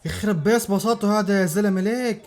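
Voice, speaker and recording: Man, high voice, excitable, repeats his exclamations, live football reaction. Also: fast, soft background music.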